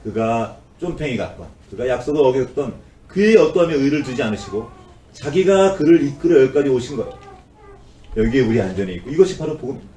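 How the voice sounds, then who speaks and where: A man's voice: mid-range voice, big pitch swings, fast talker, dark tone, slight background noise. A man preaching a sermon as a pastor, acting out the complaints of the people in his story with a rising, pleading voice. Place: church sanctuary. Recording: roomy church sound, voice from a distance.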